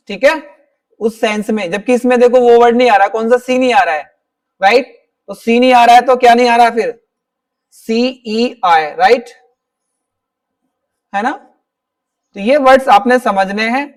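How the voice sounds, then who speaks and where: A man's voice: sits high, far from the mic. A male teacher giving a spelling lesson, explaining step by step and often checking that his students follow. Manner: explains slowly, often checks understanding with tag questions. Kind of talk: classroom-style spelling lesson.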